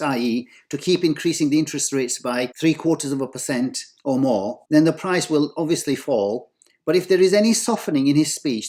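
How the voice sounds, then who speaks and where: A man with a somewhat raised voice hosts a solo commentary video. His delivery is measured and earnest, steady like a presenter walking viewers through his thoughts. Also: a little high. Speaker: host of a crypto market commentary channel.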